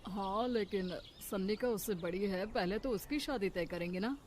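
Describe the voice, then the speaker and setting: A woman's voice: mid-range voice, moderate pace, a little mellow, a little hiss or hum, close to an everyday voice. A woman voicing a firm middle-aged husband and father who scolds matter-of-factly in a cartoon story.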